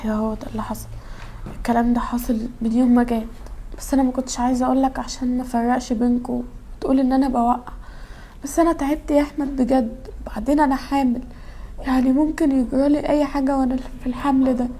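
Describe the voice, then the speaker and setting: An actress playing a wronged, pregnant young wife, with an Egyptian Arabic accent and a pleading, defensive way of speaking. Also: female voice, sits high, rapid-fire, lightly acted. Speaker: actress in a web drama.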